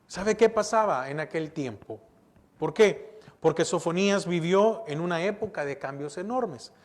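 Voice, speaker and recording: A middle-aged male pastor preaching with a fairly high voice. He puts questions to the congregation and answers them himself, stressing his points with repeated words. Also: animated, normal speed. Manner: emphatic, repeats words and restarts. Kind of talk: sermon.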